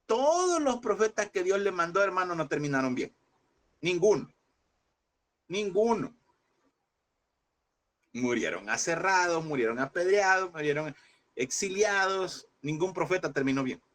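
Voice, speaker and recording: A man's voice: high voice, expressive, moderate pace, a bit bright. A man teaching a Bible class in a preaching style, emphatic and repeating phrases, often calling listeners brother.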